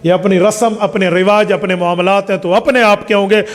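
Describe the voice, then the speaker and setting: A man's voice: sits high, fairly even intonation, moderate pace. A male Islamic scholar answers religious questions emphatically, firing rhetorical questions and listing points one by one. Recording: long hall reverb.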